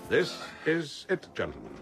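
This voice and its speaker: In a radio drama, a male actor voices a pompous, coldly ruthless criminal mastermind who speaks formally and deliberately with polite menace. His medium-pitched voice swings wildly in pitch and carries vocal fry, heard over music, with a smug, formal mood.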